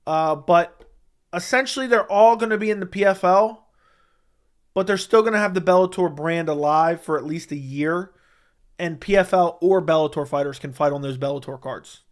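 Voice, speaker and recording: At a moderate pace and a slightly high pitch, he hosts a casual MMA commentary stream, responding to viewers in a blunt, opinionated way and restating his points to stress them.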